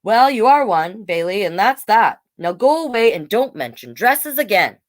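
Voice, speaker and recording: A woman's voice: mid-range voice, big pitch swings, normal speed, voice pushed up, lightly acted. A woman voicing a stern, dismissive parent, curt and impatient, in a children's storybook read-aloud. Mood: irritated scolding.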